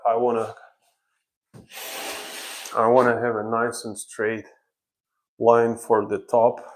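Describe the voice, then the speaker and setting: A renovation contractor from Ukraine narrates his job-site livestream, explaining each stage of the work slowly and with halting pauses. His mid-range voice is darkish and carries vocal fry.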